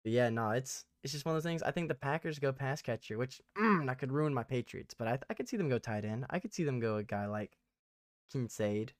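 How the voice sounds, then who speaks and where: A man's voice: medium pitch, lively intonation, fast, few pauses, dry recording. Chatty man from Tennessee, dry sound. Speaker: podcast co-host. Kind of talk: casual sports chat.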